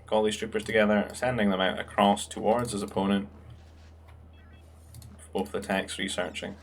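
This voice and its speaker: A man's voice: fairly low pitch, little pitch movement, normal speed, a little hiss or hum. A young man commentating a strategy game match in a casual, musing way, thinking aloud with fillers. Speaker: game caster.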